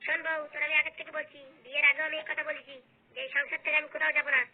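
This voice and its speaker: A woman's voice: sits high, level tone, very fast, lightly acted. A woman voicing a stubborn, hot-tempered husband who scolds his wife in a comedy skit. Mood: blustering. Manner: scolding, blustering. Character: hot-tempered husband Phuto, young adult man, stubborn. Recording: phone-like narrow sound.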